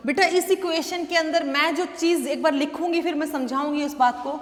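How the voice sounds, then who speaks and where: A woman teaching chemistry, mixing Hindi with English terms. She calls the students "beta", checks in with "thik hai", and slows down for English definitions. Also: sits high, steady tone. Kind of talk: classroom lecture, Hindi mixed with English terms. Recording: roomy echo with long reverb.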